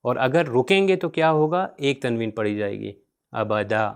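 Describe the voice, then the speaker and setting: A man's voice: mid-range voice, creaky, clean tone. Man patiently spelling out words for learners. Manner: spells out letters and vowel marks slowly, then repeats each word; mixes English words into his teaching. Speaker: Quran reading teacher. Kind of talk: spoken lesson.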